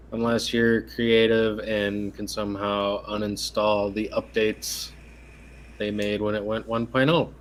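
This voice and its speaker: A man co-hosting a casual gaming podcast, telling a story with excitement and casual swearing. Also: on the low side. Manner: animated, swears casually, tells stories with excitement. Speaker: podcast co-host.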